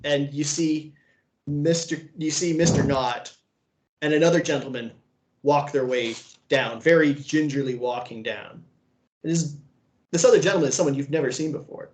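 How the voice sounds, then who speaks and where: A man's voice: a little high, moderate pace, echoey room. A man narrating a tabletop horror game as game master, often restarting his sentences. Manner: stammering, restarts while narrating.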